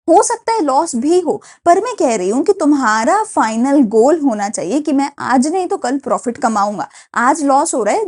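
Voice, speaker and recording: A young woman with an Indian accent delivers a recorded classroom lecture. Her voice sits high yet sounds mellow and soft-edged. She explains patiently, asking rhetorical questions and checking in with her students. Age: young adult. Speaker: teacher.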